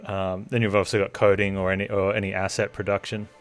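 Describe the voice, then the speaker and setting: Male game streamer: lowish voice, casual livestream chat, faint game music behind. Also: flat delivery, fast.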